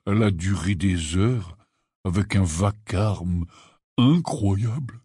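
Hagrid, read by a man, low and husky. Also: takes it slowly, warm tone, no room sound, studio quality, full character voice. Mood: rueful. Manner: rambling, earnest storytelling. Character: huge gruff half-giant gamekeeper, kindly. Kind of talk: audiobook character reading.

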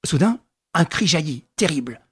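A man narrating an audiobook in a measured, even storytelling manner. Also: a little high, slight background noise. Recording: dry close recording with faint music.

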